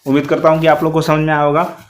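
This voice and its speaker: A man's voice: on the high side, completely flat delivery. A man teaching an exam-prep lesson, walking through quiz answers and repeatedly putting questions to his students. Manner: fast, repetitive, keeps asking the class questions.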